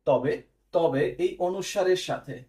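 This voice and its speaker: A man's voice: a little high, normal speed, warm tone. A young man, teaching an exam-prep class online and explaining step by step while checking that his students follow.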